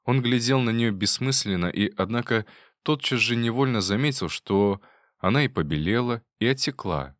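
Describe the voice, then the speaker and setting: A man's voice: medium pitch, lively intonation, normal speed, no echo, studio quality. Man reading a classic novel aloud. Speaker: narrator. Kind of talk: literary audiobook narration.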